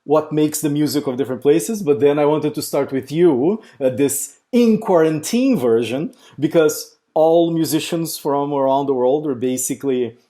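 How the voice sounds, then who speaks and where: A man's voice: a little high, normal speed, few pauses, dark tone. A man hosting an interview show, asking loose questions full of fillers like "like" and "uh". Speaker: podcast host. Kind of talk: casual interview.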